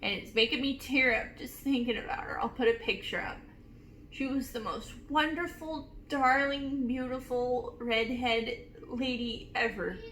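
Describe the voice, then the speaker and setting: A woman in her twenties casually reviewing perfumes, gushing and emotional with drawn-out emphasis. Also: on the high side, a bit bright. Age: 20s. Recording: echoey room with faint noise.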